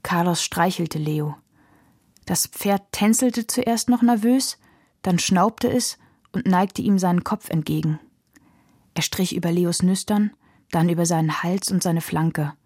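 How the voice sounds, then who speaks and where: A woman narrating a children's audiobook in a calm storytelling voice. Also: on the low side, a little slow, husky, no room sound, clean studio sound.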